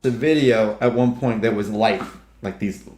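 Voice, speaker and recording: Man, casual storyteller, animated, mimics other voices, echoey room. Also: lowish voice, moderate pace. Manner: animated, acts out quoted voices, laughs often. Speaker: actor guest.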